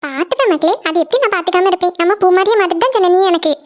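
An actor voicing a loving middle-aged mother in an animated family cartoon, speaking with a soothing, tender manner. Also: very high-pitched, very fast, muffled recording. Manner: tender, soothing, calls them "makkale".

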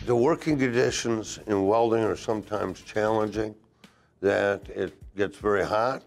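A man in his sixties, a welding instructor, answering interview questions in a classroom with measured, deliberate phrasing and a lapel mic. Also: on the low side, creaky, soft background music. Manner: measured, deliberate, listing points with pauses. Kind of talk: interview answers to a program video. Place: classroom, indoors.

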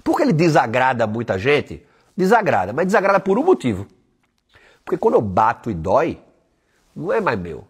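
A man's voice: medium pitch, wildly swooping pitch, fairly quick, breathy edge. A man giving a blunt, profane motivational talk on a live stream. He tells stories and mimics the people in them. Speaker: online weight-loss coach.

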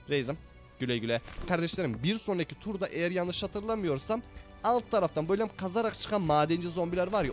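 A young man commentating his gameplay for viewers, animated and chatty, his voice hoarse from being sick. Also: on the high side. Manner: animated, talks to viewers as brothers. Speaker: gaming YouTuber.

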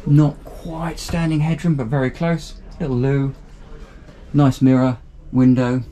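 A man's voice: mid-range voice, level tone, measured pace, warm tone, slight background noise. Upbeat man touring a boat on camera. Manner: chatty, upbeat, thinking aloud as he goes. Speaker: boat reviewer giving a walkthrough tour. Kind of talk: casual walkthrough vlog. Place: outdoors on a marina pontoon and inside a small motor boat cabin.

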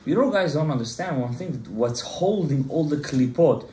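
A man's voice: on the high side, expressive, normal speed, darkish tone, a little hiss or hum. A man in his thirties, a rabbi giving an emphatic Torah class to a small group and quizzing his listeners. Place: synagogue study room, indoors. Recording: roomy echo.

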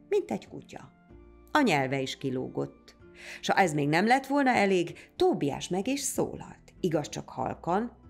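Woman narrator, low and gravelly, lively storyteller. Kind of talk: storybook folk tale narration.

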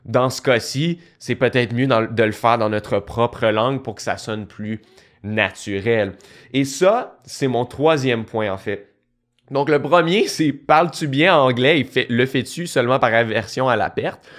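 A man's voice: medium pitch, measured pace, a bit bright. A man hosting a podcast, talking in a chatty, conversational way with frequent restarts. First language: French. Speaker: podcast host. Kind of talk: casual podcast monologue.

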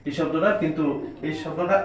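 Male teacher, slightly high voice, patient spell-it-out delivery, recorded far off in an echoey room. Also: steady tone, slight background noise. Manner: spells out letters slowly, asks and answers his own questions. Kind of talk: step-by-step spelling lesson. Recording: echoey room, distant dull mic.

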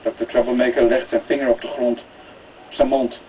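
Brief: male reader of a crime story, steady narration, far from the mic with a light hiss. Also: mid-range voice, fairly quick. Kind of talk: reading a crime novel aloud. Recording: tinny phone-like, distant, faint hiss.

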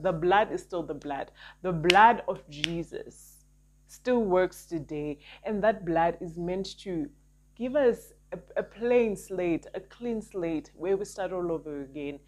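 A woman's voice: fairly low pitch, a little mellow. A young adult woman speaking as an earnest, emphatic self-help influencer, giving faith-based motivation straight to camera. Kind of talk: devotional affirmations and motivational talk to camera. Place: small plain indoor room. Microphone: lapel mic.

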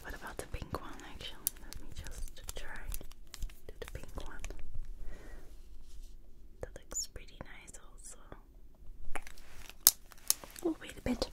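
A young adult woman, an ASMR creator, plays a stylist in a makeover roleplay, close to the microphone. She speaks in a breathy, hushed, mostly unvoiced whisper, giving short instructional phrases.

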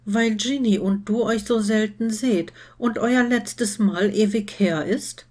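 A woman's voice: mid-range voice, steady tone, takes it slowly, a little mellow. Woman doing a dreamy witch lady, offhand and blunt, light storybook voice. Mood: matter-of-fact. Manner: offhand, light, matter-of-fact.

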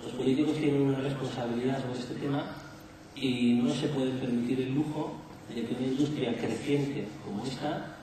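A hoarse man in his forties with an accent from Spain speaks haltingly and off the cuff as a panelist. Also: mid-range voice, steady tone, warm tone. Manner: halting, hesitant delivery. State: hoarse, under the weather. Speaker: industry association panelist. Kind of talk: unscripted panel discussion. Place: conference stage, large indoor hall. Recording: echoey hall, distant mic, noisy.

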